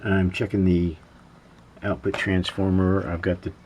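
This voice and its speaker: His voice sits low, with a level, darkish, slightly rough tone, as he thinks aloud about repair work at an indoor bench. He's a hobbyist radio repairer, casual and hesitant, halting as he muses to himself.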